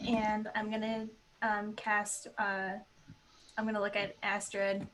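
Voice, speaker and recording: A woman playing in a tabletop game, hesitant and giggly with lots of pauses. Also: medium pitch, monotone, fairly bright tone. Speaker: player. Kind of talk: tabletop game play over a call.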